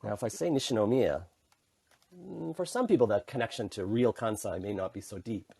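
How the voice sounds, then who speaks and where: Expressive and brisk, the lowish, gravelly, dark and slightly rough voice of a middle-aged Canadian-accented man carries this casual podcast interview with no room sound. As a guest who consults on intercultural communication, he tells his own story, restarting often.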